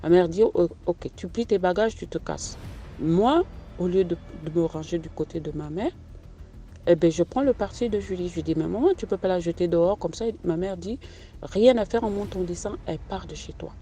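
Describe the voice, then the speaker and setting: A woman's voice: fairly low pitch, a little fast, warm tone, slight background noise. A middle-aged woman tells a personal story in a hesitant, conversational way, full of fillers and restarts. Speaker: storyteller sharing a personal testimony. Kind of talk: casual spoken testimony.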